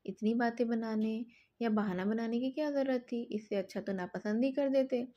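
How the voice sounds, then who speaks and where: A woman's voice: on the high side, moderate pace, highs cut off, natural voice. A woman voicing a timid young bride. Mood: meek. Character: young newlywed wife, timid and gentle.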